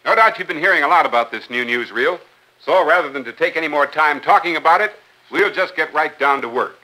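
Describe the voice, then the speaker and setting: A man's voice: on the high side, animated, brisk, bright, forceful tone, low-quality recording. A man hosting and announcing a 1950s company newsreel with polished, eager announcer delivery.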